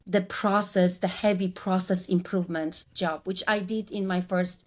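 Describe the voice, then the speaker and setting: This podcast guest, a branding coach from Poland in her forties, has a fairly low, steady, somewhat mellow voice and a moderate pace. She recounts her career reflectively in a Polish accent, frequently starting over mid-thought.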